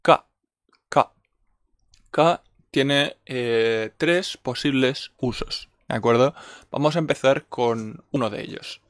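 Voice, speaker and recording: A man teaching a bilingual language lesson, going slow and repeating each word, switching between Spanish and English. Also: medium pitch, no echo, clean studio sound. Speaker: Japanese teacher.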